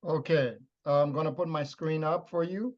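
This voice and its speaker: A man's voice: a little high, fairly even intonation, normal speed, dull audio. A man from Liberia teaching in a lecture style, stressing his points with repeated phrases. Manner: emphatic, repetitive teaching phrases.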